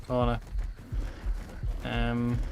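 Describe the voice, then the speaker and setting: A man's voice: medium pitch, completely flat delivery, very slow, creaky, a little mellow, slight background noise. A tired man streaming a survival game live, rambling through casual commentary with frequent ums and self-corrections. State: tired and yawning.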